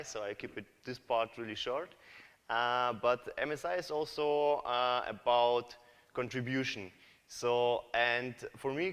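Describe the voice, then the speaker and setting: A man's voice: medium pitch, a bit bright, clean tone. A man from Kazakhstan giving a conference talk as a developer, hesitant, with many fillers and restarts, in a large hall. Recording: reverberant hall.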